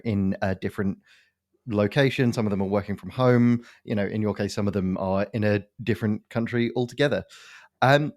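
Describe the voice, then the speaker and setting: A man's voice: fairly low pitch, darkish tone. A man hosting a podcast interview conversationally, feeling his way through questions and rephrasing them as he goes. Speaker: podcast host.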